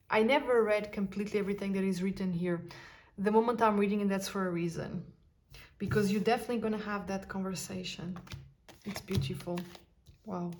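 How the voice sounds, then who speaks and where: Soft-spoken woman reading tarot. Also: mid-range voice. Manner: soft, reflective, musing aloud with sighs and pauses. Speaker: tarot card reader. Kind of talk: intuitive tarot reading to camera.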